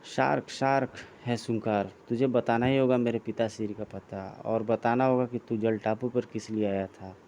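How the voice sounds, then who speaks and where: A man's voice: mid-range voice, fairly even intonation, moderate pace, darkish tone, a little hiss or hum, natural voice. A man reading a determined young hero. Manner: earnest, demanding.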